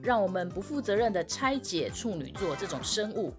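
A woman's voice: mid-range voice, big pitch swings, moderate pace, soft background music. A woman co-hosting a casual podcast, steering the talk with questions. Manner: leads with questions, steers the topic. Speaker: podcast co-host.

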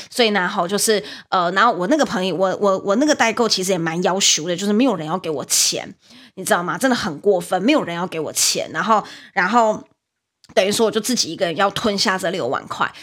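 A young woman with a Taiwanese Mandarin accent, hosting a podcast and telling a story in a chatty, animated way, with many fillers and repeats. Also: fairly low pitch. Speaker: podcast host, livestreamer. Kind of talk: casual storytelling monologue.

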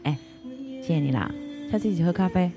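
A woman's voice: fairly low pitch, expressive, quick pace, over music. A woman with a Taiwanese Mandarin accent in a whispered role-play audio drama, playing a young office worker among friends, close to the mic. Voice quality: whispery, soft. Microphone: close mic for headphones.

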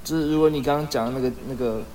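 A young man co-hosts a relaxed podcast chat. He keeps asking questions and teases his friends. Faint noise runs underneath. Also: mid-range voice, very fast. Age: young adult. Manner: teasing, asks questions. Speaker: podcast co-host. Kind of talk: casual chat.

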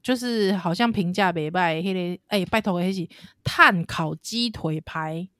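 A woman in her thirties with a Taiwanese Mandarin accent, co-hosting a casual chat and telling lively stories about being a mother. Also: lowish voice, measured pace, dry recording, clean studio sound. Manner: animated storyteller, laughs a lot, acts out a crying child. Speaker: podcast co-host, mother.

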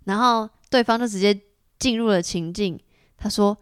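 A woman's voice: medium pitch, moderate pace, clear, resonant tone, no room sound, clean studio sound. A woman podcast host reading listener letters aloud in a playful way, acting out the quoted lines and laughing often.

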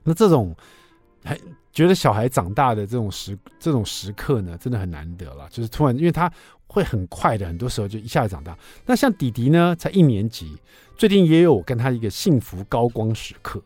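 A man, hosting a radio show and telling a story in a chatty, lively way. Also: medium pitch, a little fast, no room sound, faint music behind. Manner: lively, chatty, asks listeners for agreement. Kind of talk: casual storytelling on talk radio. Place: radio studio.

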